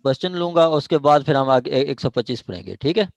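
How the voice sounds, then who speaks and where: A man with a Pakistani accent and a fairly high, gravelly voice gives an online law lecture indoors, explaining statute articles at a quick pace. The lo-fi audio has no room sound, and he repeats and rephrases points, often checking that students are following.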